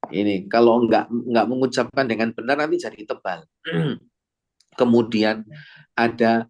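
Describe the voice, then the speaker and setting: Male recitation teacher from Indonesia, classroom lesson, quizzes students, slows right down to model each sound. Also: mid-range voice, darkish tone. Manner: demonstrates sounds slowly, drawn-out recited examples; asks the class questions. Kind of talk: classroom lesson with audience replies.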